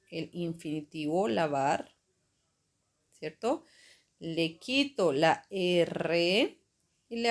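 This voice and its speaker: A woman, teaching grammar at an unhurried pace. She explains one step at a time in a patient way and keeps checking that her students follow. Her voice sits at an ordinary middle pitch. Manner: slow, patient explaining with frequent "¿ok?" and "¿cierto?" checks. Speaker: Spanish teacher. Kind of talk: grammar lesson over slides.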